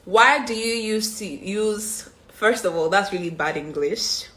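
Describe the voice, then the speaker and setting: Over a phone on a live stream, a woman in her 20s with a Nigerian accent and a medium-pitched, unhurried voice answers fans. A reality show contestant, she reads their questions out loud, then replies chattily and rambles loosely, saying um a lot, in a casual Q&A.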